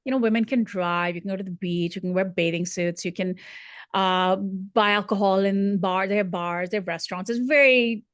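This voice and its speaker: Raised in Dubai, this senior correspondent offers earnest, thoughtful commentary in a conversational style, pausing on fillers and restarting sentences. Her mid-pitched voice keeps a fairly even intonation, captured dry and close with no echo or room sound.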